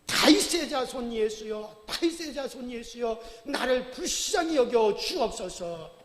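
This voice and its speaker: A man voicing a desperate blind male beggar, crying out in pleading shouts. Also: extremely high pitch, animated, moderate pace, pitched above the performer's own voice. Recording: echoey church hall reverb.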